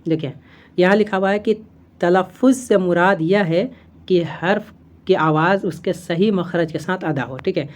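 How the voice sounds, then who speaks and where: A woman with a lowish voice teaches an exam-prep lesson at an unhurried pace, reading from notes and explaining step by step. She repeats key terms, with fillers and self-corrections along the way.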